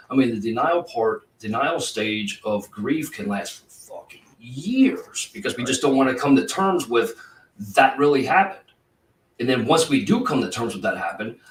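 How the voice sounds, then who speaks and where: A retired police officer talking in a casual podcast conversation, intense and profane, rambling with many fillers. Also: male voice, medium pitch, a little hiss or hum. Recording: roomy, distant from the mic.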